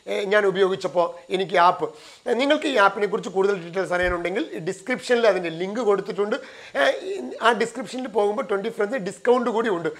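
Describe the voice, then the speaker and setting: Middle aged coach guy from kerala, fairly high voice, motivational talk going through points one by one. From Kerala, India. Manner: numbered points, shifting between quick runs and slow stressed phrases. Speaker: career trainer and personal coach.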